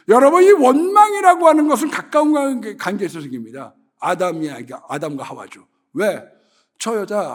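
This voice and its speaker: A man preaching a sermon as pastor, animated, swinging between loud exclamations and hushed asides, acting out quoted voices. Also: high-pitched, slightly rough. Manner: acts out quoted voices in dialogue.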